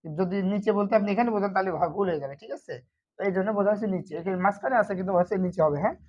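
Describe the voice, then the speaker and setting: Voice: medium pitch, rapid-fire, a little mellow. A Quran reading teacher gives an online lesson on Arabic letters. The teacher talks patiently and repetitively, asks a question and answers it, and keeps checking that viewers are following. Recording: dull lo-fi recording.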